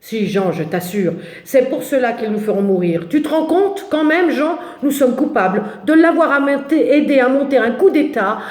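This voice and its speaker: A woman's voice: sits high, animated, moderate pace, few pauses, darkish tone. A woman voicing an anxious, indignant male disciple who grumbles and exclaims in a dramatic biblical story. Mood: agitated, indignant. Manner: agitated, complaining, exclamatory. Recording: echoey, roomy sound.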